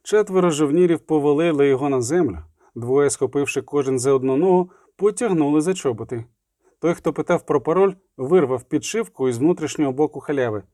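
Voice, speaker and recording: Mellow-voiced male audiobook narrator. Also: fairly high pitch, fairly quick, no room sound, studio quality. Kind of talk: scripted fantasy audiobook narration.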